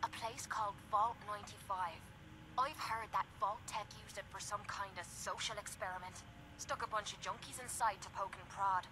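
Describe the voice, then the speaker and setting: An actress with an Irish accent playing a tough, desperate young addict in a video game, blunt and pleading. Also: female voice, medium pitch, steady tone, moderate pace, background noise, close to an everyday voice. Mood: hopeful. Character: tough young female drug addict companion, desperate for help. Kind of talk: dramatic video game dialogue.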